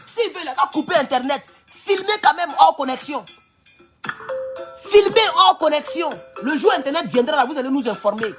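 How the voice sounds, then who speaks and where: A man's voice: very high-pitched, sharp tone. A man hosting a livestream, making an impassioned address to his viewers and repeating his rallying calls. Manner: fiery, repetitive, rallying. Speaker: livestream host.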